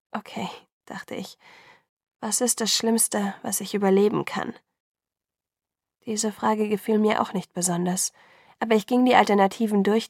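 A woman reads a first-person novel aloud as an audiobook, keeping her delivery soft and subdued. Her voice has a steady gravelly fry. The recording is close and completely dry. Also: mid-range voice, no echo. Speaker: audiobook narrator.

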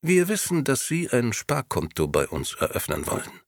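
A cold grey agent from a storybook, clipped and insistent, pressing his pitch in a raised, swooping tone, as a male reader puts him on. The voice has a gravelly edge and sits close in a dry, dead room. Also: huge pitch swings, moderate pace, no echo. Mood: coldly persuasive.

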